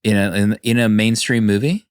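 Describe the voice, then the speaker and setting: A man hosting a casual movie podcast, chatty and quick to laugh, often restarting his sentences. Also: fairly low pitch, fairly even intonation, clean tone, dry recording, studio quality. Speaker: podcast host.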